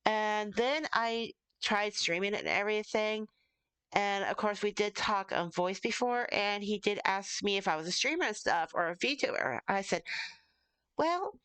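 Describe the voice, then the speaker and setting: A woman's voice: medium pitch, normal speed, fairly bright tone, clear, resonant tone, no room sound. A woman hosting a casual interview stream, chatting in a rambling, playful way. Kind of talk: casual chat.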